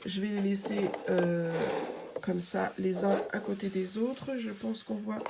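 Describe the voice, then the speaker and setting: A woman's voice: medium pitch, steady tone, measured pace, creaky, heavy background noise. A woman vlogger chatting casually while unboxing small toys, hesitant and full of filler sounds, joking about herself, recorded close on a phone at home. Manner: self-deprecating, playful. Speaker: family channel vlogger. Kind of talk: casual toy unboxing chat. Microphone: phone filming close up.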